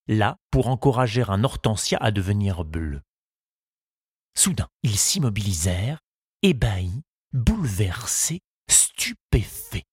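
Give me a slow, gentle storytelling man. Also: on the low side, slightly rough, no echo, studio quality. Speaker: narrator. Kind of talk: audiobook narration.

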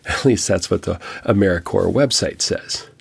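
This church podcast host, also a pastor, tells a guest's story in scripted narration, reflective and lightly humorous. His voice is deep and slightly rough with vocal fry, and he speaks unhurriedly.

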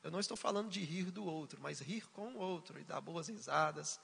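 A man's voice: a little high, brisk, vocal fry, fairly bright tone, breathy edge, in a large hall. A man co-hosting a casual faith-based family talk, explaining points with jokey asides. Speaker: co-host of a family talk show.

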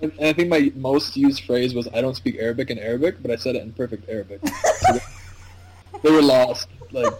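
A man with an American accent chatting casually as an interviewee, thinking aloud in a halting, informal way. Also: medium pitch, darkish tone, a little hiss or hum, poor audio. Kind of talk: casual chat.

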